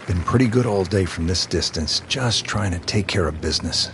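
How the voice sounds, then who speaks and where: A man's voice: low voice, lively intonation, normal speed. A man working as a golf commentator, calling play in a polished broadcast style. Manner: polished, asks his co-commentator questions. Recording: outdoor crowd ambience, clear background noise. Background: golf crowd and outdoor ambience.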